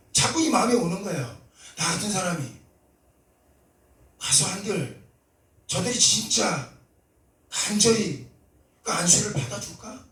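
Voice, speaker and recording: Animated pastor in an echoing sanctuary. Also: male voice, high voice. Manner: storytelling, quoting prayers and dialogue with sudden loud rises. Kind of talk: sermon. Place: church sanctuary. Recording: echoey church hall, mic at a distance.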